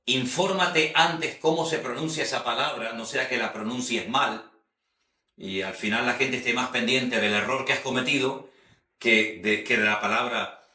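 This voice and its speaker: Earnest preacher in an echoey room. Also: male voice, medium pitch, bright, forceful tone, recorded from a distance. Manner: earnest, repeats phrases for emphasis. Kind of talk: teaching talk on preaching. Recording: roomy echo, speaker set back from the mic.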